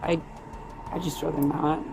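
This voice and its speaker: A woman's voice: sits low, level tone, vocal fry. Hesitant woman on a noisy roadside bodycam. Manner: hedging, halting, trailing off. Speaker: driver being questioned by police. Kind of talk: casual spoken account to an officer. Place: outdoors at a roadside. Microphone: police body camera worn by another person. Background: traffic and outdoor ambience.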